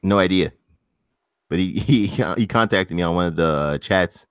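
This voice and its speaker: A man's voice: deep voice, moderate pace, smooth, dry recording. A young man co-hosting a casual chat on a voice call, dry and needling, laughing at his friend's claims. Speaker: co-host.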